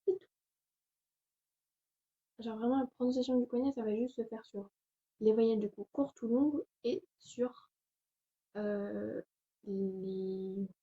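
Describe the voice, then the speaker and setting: A woman's voice: fairly high pitch, warm tone. A young woman hosting a casual online language lesson, chatty and hesitant with many fillers, recorded at home. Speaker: language tutorial host. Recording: dull lo-fi sound.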